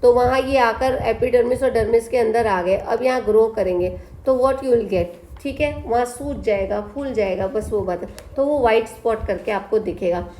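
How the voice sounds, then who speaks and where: A woman teaching a biology exam-prep lesson, reading textbook lines slowly, then explaining them, asking questions and answering them herself. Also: a little high, mellow. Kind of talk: exam-prep lesson in mixed Hindi and English. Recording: echoey room, faint background noise.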